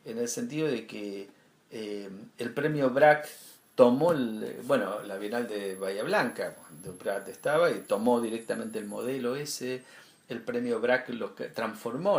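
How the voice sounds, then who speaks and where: An Argentine man being interviewed, his voice moving through a lively, animated melody. He talks in a relaxed, anecdotal way, often stopping to restart a phrase or reach for the next word. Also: lowish voice, creaky. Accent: Argentine Spanish. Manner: anecdotal, hesitant with frequent restarts and fillers. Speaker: interview guest, art curator. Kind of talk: casual conversation.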